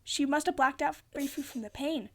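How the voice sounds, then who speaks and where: A woman with a high voice narrates a story as an amateur reader. Her delivery is theatrical and dramatic, and she often trips and rereads a phrase. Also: normal speed, darkish tone.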